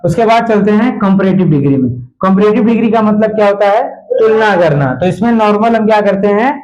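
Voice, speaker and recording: A man's voice: high-pitched, fairly quick, a little mellow. A male teacher giving a classroom grammar lesson, quizzing his students with repeated questions. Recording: dull lo-fi classroom recording.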